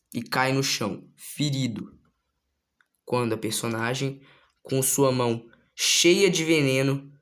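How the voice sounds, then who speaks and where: Laid-back guy retelling a comic. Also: mid-range voice. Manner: relaxed and slangy, with frequent filler tags. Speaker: manga author. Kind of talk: casual reading and retelling of his own manga.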